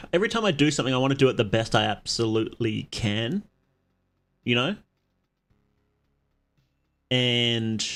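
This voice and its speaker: A medium-pitched man hosts a livestream, rambling casually with his viewers, speaking haltingly and often cutting himself off.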